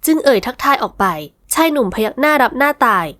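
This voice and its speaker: A woman's voice: high-pitched, fast, a bit bright, no room sound. Woman narrating an audio romance, dry sound. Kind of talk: scripted audio-novel narration.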